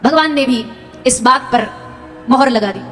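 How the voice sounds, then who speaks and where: A woman's voice: sits high, measured pace. A woman narrating a devotional sermon, telling the story dramatically and singing Sanskrit verses. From India. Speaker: katha storyteller. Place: large hall at a live religious event. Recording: long hall reverb with music.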